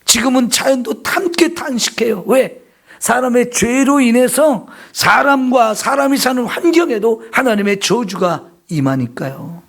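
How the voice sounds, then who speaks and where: A man's voice: extremely high pitch, unhurried, creaky. A middle-aged male pastor preaching an emphatic sermon in a church, acting out confessions in a raised voice.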